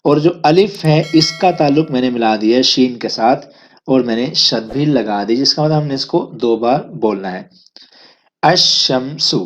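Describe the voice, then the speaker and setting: A man teaching a recorded Arabic lesson, explaining step by step, checking understanding as he goes, and slipping into slow, deliberate English. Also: medium pitch, a little mellow. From Pakistan. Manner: recites letters slowly one by one. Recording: slightly dull lo-fi sound.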